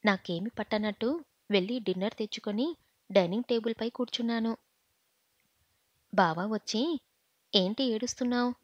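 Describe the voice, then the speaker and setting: A woman narrating a first-person story as an audiobook reader, in a steady, earnest way. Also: medium pitch, normal speed, long pauses, no echo. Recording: slightly muffled home audio.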